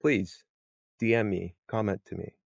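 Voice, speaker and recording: A man's voice: fairly low pitch, fairly even intonation, measured pace, vocal fry, no room sound, studio quality. A man moderating a casual podcast chat, rambling with many fillers and restarts.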